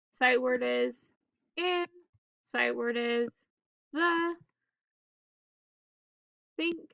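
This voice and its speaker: A woman teacher leading a phonics drill for children in staccato, clipped single words with pauses between them. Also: high voice, gravelly, fairly bright tone, dry recording, highs cut off.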